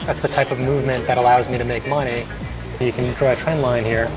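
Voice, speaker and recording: A man's voice: medium pitch, little pitch movement, fast. A man, a stock trader, explaining his work in plain documentary interview style. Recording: music playing clearly behind.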